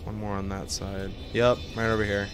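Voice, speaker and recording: A man's voice: on the low side, little pitch movement, moderate pace, background noise. A young man streaming a game live from home, chatting casually, swearing and laughing as he reads out the game's text. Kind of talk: casual live-stream commentary while playing.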